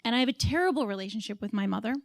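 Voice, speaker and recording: A woman's voice: a little high, animated, very fast, vocal fry. A woman on a panel telling a candid, emotional personal story.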